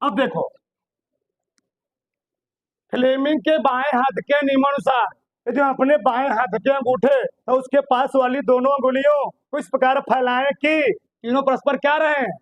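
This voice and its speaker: A man with a very high voice teaches a physics class, repeating himself and firing questions at his students. His comes through on a dry, close recording. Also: no room sound, lo-fi sound. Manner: repetitive, quizzing students with questions. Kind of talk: classroom lecture.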